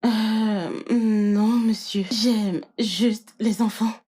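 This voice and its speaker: A woman dubbing a polite, eager young woman applying to be a nanny in a French-language film, soft and gentle with the baby. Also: a little high, fairly even intonation, slightly rough, heavily acted. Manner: polite and eager, soft and slow when soothing. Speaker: job applicant for nanny.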